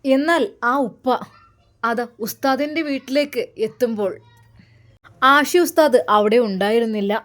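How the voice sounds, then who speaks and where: A woman narrating a dramatic story in an expressive, emphatic way. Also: fairly high pitch, measured pace.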